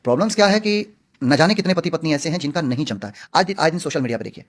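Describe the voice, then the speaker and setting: A man's voice: on the high side, lively intonation, rapid-fire. A man answering interview questions as a film actor, speaking earnestly and outspokenly with emphatic stresses.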